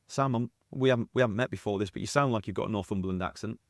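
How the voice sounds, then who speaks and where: Low-voiced man with softened Mackem accent. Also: rapid-fire, dry recording, studio quality. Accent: Sunderland (Mackem), softened and posh. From North East England. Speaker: podcast host. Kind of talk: casual podcast interviewing.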